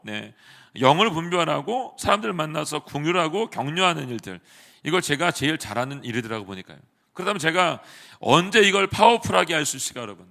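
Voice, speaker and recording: A male pastor preaching in a church with a bright, forceful voice set a little high for a man. He preaches with lively energy and acts out people's thoughts, dropping to near-whispers and then rising almost to a shout. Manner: lively preaching, acts out inner dialogue with quick shifts in loudness. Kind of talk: sermon. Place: church sanctuary.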